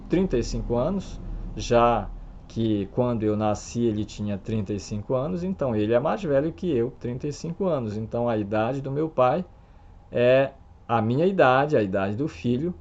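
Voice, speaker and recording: A man's voice: mid-range voice, gravelly, darkish tone. A man teaching math, patiently repeating every step of the problem and checking in with his students. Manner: patient, repeats each step, says "pessoal" and "tá?" often. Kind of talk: explaining algebra problems step by step. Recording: dull lo-fi sound.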